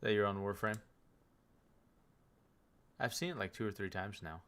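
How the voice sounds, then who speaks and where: A man's voice: on the low side, normal speed, fairly bright tone, slight background noise. A man streaming a game, telling stories in loose, swearing casual chat. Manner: rambling storyteller, swears a lot.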